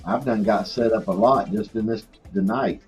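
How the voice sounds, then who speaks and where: A man chatting casually as a guest on a livestream, easygoing and quick to agree. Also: on the low side, a little mellow, slightly rough, faint music behind. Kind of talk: casual chat.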